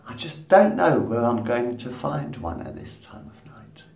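Filming himself on a phone at arm's length in a small room, a fifty-something male vlogger rambles to camera, cursing and chuckling at his own jokes. His medium-pitched voice is gravelly and darkish, expressive yet measured in pace. He's far from the mic, so the sound carries a roomy echo with faint noise behind it.

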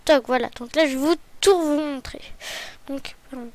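A woman hosting a software tutorial, talking hesitantly and often correcting herself with apologies. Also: high-pitched, moderate pace, no room sound. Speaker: tutorial host. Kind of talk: screen-recorded software tutorial.

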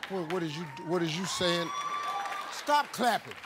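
A man's voice: high voice, lively intonation, a little slow. A man hosting a game show, teasing a contestant with laughing, joking banter. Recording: clip with loud crowd and noise.

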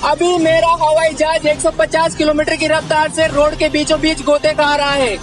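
A man's voice: very high voice, completely flat delivery, normal speed, over music. A young man narrating a mock-serious survival-show spoof as he walks through an outdoor street market. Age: young adult. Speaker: comedy vlogger.

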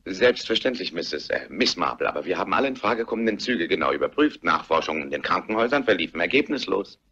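An actor playing a polite, sceptical police inspector, hesitant and placating, in a vintage film dub. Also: male voice, sits low, sing-song, quick pace, pushed and bright, slightly rough, heavily acted. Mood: official, defensive. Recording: dull vintage film soundtrack.

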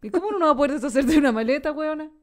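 High-voiced Chilean woman, teasing banter. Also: animated, racing. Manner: teasing and slangy, joking banter. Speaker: podcast co-host. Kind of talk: casual chat.

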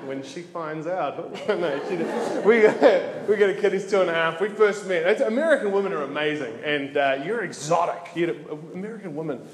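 A man's voice: sits high, moderate pace, hardly any pauses. A man in his thirties from New Zealand with a New Zealand accent, doing a self-deprecating stand-up set on a comedy club stage into a handheld mic. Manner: self-deprecating, animated banter with the crowd. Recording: echoey club with crowd noise.

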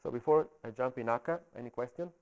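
A man with an Italian accent giving a technical talk at a meetup, halting and often checking in with the audience. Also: mid-range voice, darkish tone, smooth, muffled recording. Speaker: conference speaker. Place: coworking space meetup room.

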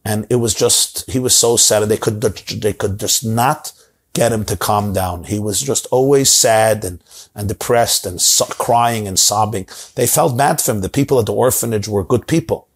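A man's voice: fairly low pitch, moderate pace, breathy edge. A middle-aged man telling a story in a dramatic, repetitive way, recorded with a lapel mic in a study lined with bookshelves. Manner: dramatic, repetitive, gesturing broadly. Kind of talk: animated storytelling.

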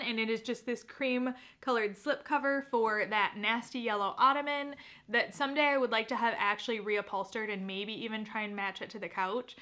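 Woman, thirties, slightly high-pitched, casual home decor vlogger, chatty, informal, step-by-step explaining. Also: pushed and bright. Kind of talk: casual explanatory vlog talk to camera. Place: furnished living room at home, indoors.

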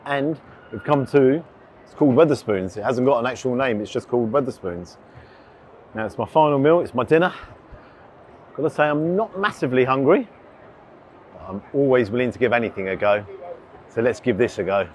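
A man's voice: medium pitch, brisk, long pauses, a little mellow. A man, chatting casually and matter-of-factly to camera as a food vlogger. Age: 50s. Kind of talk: casual vlog talk to camera. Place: large open train station concourse restaurant. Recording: busy station noise and announcements. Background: station ambience, background announcements.

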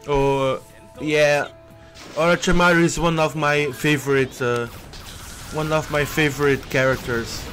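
Slow, rambling gaming commentator. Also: male voice, on the high side, steady tone, fairly bright tone. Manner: rambling, many restarts and repetitions, exclaims at the game. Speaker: gameplay commentator. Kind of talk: casual let's-play commentary, reading on-screen text aloud. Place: indoors at his computer. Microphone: headset. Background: game music.

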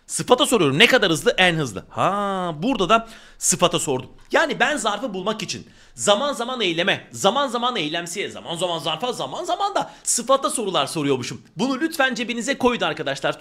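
A man teaching a grammar lesson, talking straight to his students in an emphatic, animated way. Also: sits high. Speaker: Turkish teacher.

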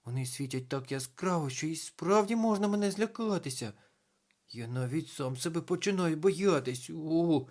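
A man's voice: fairly high pitch, lively intonation, moderate pace, a little mellow, voice pushed up, natural voice. A man voicing a small, merry male castle ghost who talks in a fretful, wondering way. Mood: dismayed.

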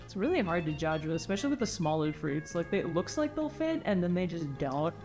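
A woman's voice: on the low side, very animated, brisk, a little mellow, soft background music. A woman chatting casually while watching a friend play a game, in an easygoing way. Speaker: onlooker. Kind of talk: casual chat.

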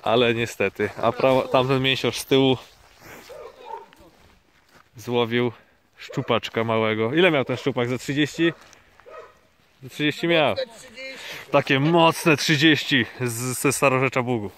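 Filming on a head-mounted action camera beside a river under overcast skies, this Polish fishing vlogger talks in a chatty, joking way and keeps restarting. He has a medium-pitched voice, unhurried and full of pauses, with a crowd audible behind him.

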